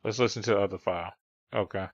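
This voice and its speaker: A man's voice: on the low side, steady tone, fast talker, no room sound. A man streaming a game, commenting and reading aloud as he goes. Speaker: streamer playing a detective game. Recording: dull lo-fi sound, music behind.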